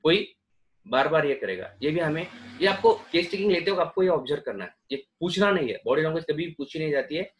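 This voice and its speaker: A middle-aged man teaches in a lively, emphatic lecture style. His voice sits a touch high for a man. He slips English phrases into his explanations. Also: quick pace, poor audio. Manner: emphatic, mixes English phrases into speech, acts out patients. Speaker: homeopathy lecturer. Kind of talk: classroom lecture.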